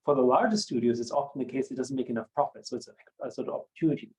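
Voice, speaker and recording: Interviewed on a podcast, a company founder from Austria, in his fifties and a native German speaker, weighs his words reflectively and leans on many hedging fillers. His voice is mid-pitched for a man, warm and mellow.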